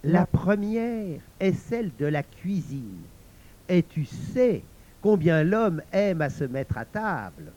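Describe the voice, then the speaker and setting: A man's voice: high-pitched, sing-song, takes it slowly, warm tone, dull audio, full character voice. A man reading a tale aloud, voicing an old devil who gives sly, confiding, scheming advice.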